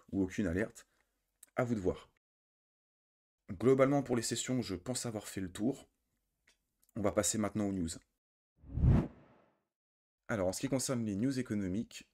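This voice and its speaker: A man with a notably low voice walks viewers through a trading tool on screen. He explains each setting step by step, pausing with fillers and correcting himself as he goes. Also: a little mellow. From France. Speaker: trading indicator tutor. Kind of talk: screen-recorded software tutorial.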